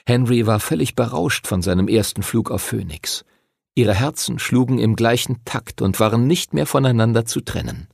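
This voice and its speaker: A man narrating a fantasy audiobook in an expressive storytelling manner. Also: mid-range voice, moderate pace, vocal fry, dry recording, clean studio sound.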